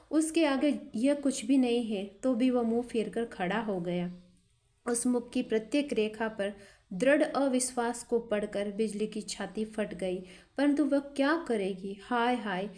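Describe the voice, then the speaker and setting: A woman storyteller reading a classic literary story aloud in a measured way. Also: a little high, warm tone.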